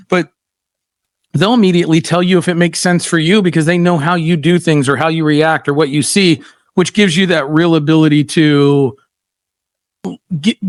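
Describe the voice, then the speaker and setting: A middle-aged man hosts a casual livestream chat, blunt and animated, telling stories with plenty of "um" and "like." His voice sits a little high for a man. The sound is dry and close, with almost no room around it. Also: dry recording. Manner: blunt, animated storytelling with frequent fillers. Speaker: podcast host.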